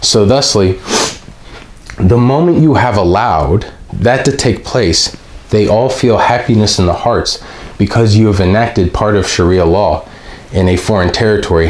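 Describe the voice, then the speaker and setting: A man reading a text aloud and commenting on it, halting often with pauses and restarts, and reading slowly and deliberately. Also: low-pitched, a little mellow. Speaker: video host.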